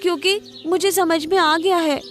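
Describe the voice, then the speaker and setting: A woman voicing a proud, impulsive rich young woman in a storybook tale, speaking in a high, heated voice. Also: animated, brisk, a bit bright, soft background music. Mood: tearful.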